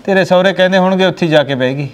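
An actor playing a middle-aged village farmer who pleads earnestly. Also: male voice, high-pitched, rapid-fire, lightly acted. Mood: pleading. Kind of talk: village family drama acting. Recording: echoey room with long reverb.

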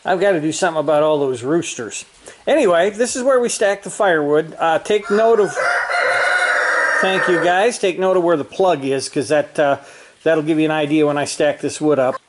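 A man's voice: a little high, normal speed, background noise. An older man talking casually and folksily while working outdoors on a ranch, a bit out of breath, with roosters crowing behind. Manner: rambling, folksy, restarts often. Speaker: vlogger.

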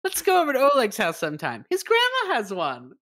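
A woman's voice: a little high, huge pitch swings, a little fast, a bit bright. Playful teasing woman streamer. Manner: playful, teasing, swears casually. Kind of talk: casual gameplay banter.

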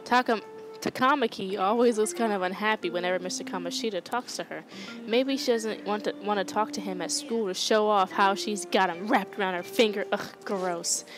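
A woman's voice: mid-range voice, normal speed, music in the background, low-quality recording. Offhand woman narrating her game. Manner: casual and offhand, swearing. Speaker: gaming streamer. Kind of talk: let's-play commentary, reading game text aloud.

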